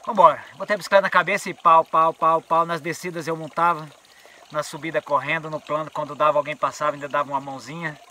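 A Brazilian man tells a story in a casual vlog recorded outdoors on a trail. His voice sits a little high and sounds bright and tense, and he mimics the people in his story. A faint trickle of water runs behind him. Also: fast, a little hiss or hum. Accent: Brazilian Portuguese. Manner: lively storyteller who acts out what people said. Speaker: mountain biker vlogger.

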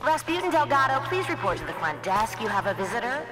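A front-desk announcer whose soft lobby page comes over the speaker, calm and polite in tone. The voice sits very high for a man and moves along briskly with a lively lilt. It sounds distant from the mic, and loud game music plays underneath. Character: adult male front-desk announcer paging over a public address. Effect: soft lobby public-address announcement.

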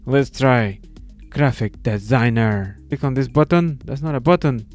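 A man's voice: mid-range voice, a little slow, darkish tone, faint music behind. A man giving a casual screen-recording tutorial with wry, self-mocking running commentary. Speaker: video creator.

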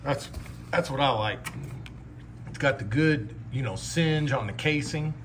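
A man's voice: medium pitch, unhurried, a bit bright. A man hosting a casual food review vlog at a restaurant table, folksy and chatty, laughing between bites. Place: restaurant dining room. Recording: faint background noise in a restaurant.

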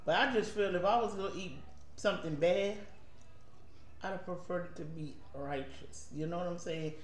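Chatty woman in an echoey room. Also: on the low side. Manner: laid-back, chatty, drawn-out asides. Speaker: mukbang co-host. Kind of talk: casual food review chat. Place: home room, seated at table. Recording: echoey room with faint noise.

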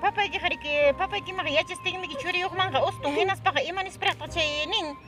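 An actress playing a worried rural mother who talks fast and high, mixing Quechua with Spanish. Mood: agitated. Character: worried rural Andean mother, fierce protector. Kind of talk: amateur drama acting. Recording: music bed behind.

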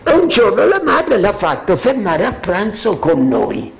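An older man recalls the past in a freewheeling, animated way, pitch jumping up and down as he goes. His voice sits a touch high for a man and has a gravelly crackle. He keeps checking that his listeners are following. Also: a little slow. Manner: freewheeling, keeps asking "capito?"; animated storyteller, chuckles often. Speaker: witness sharing memories. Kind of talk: rambling spoken recollection.

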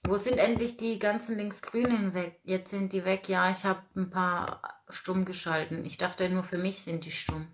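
A woman's voice: mid-range voice, steady tone, normal speed, few pauses. A woman in her forties hosting a casual livestream, outspoken and ranting while reading out viewer comments. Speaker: livestream host.

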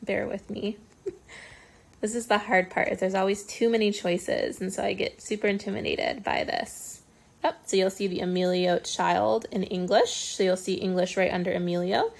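Woman speech therapist talking thru app setup, casual, lots of ums, mid pitch, just plain talking. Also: steady tone, moderate pace, gravelly. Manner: casual step-by-step explaining with frequent ums. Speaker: speech-language pathologist. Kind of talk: screen-recorded software tutorial.

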